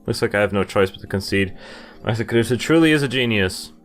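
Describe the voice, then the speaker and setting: Sitting at a computer on webcam, a young let's player with a fairly low voice speaks briskly and with animation, reading text aloud and reacting casually into a close microphone. Game music runs underneath his voice.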